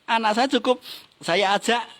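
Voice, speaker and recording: Man, middle-aged, high voice, lively seminar trainer, quizzes the crowd. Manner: lively, teasing the audience with questions and laughing. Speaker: business motivational trainer. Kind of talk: motivational seminar talk.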